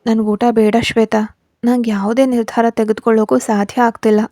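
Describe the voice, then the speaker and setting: A confused young husband, as a woman narrator puts him on, weary and hesitant. The tone is mellow and fairly high, recorded close and dry for a storybook. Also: little pitch movement, fairly quick, dry recording, natural voice.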